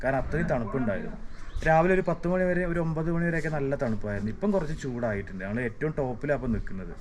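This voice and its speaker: Male travel vlogger, Malayali accent, code-mixing English into Malayalam, casual presenting, recorded on location with echo and clear noise. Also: medium pitch, lively intonation, rapid-fire, darkish tone. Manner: Malayalam mixed with many English words. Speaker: travel vlogger reviewing a resort. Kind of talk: casual vlog narration to viewers. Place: on location around a resort, rooms and rooftop. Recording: echoey, clearly noisy location sound.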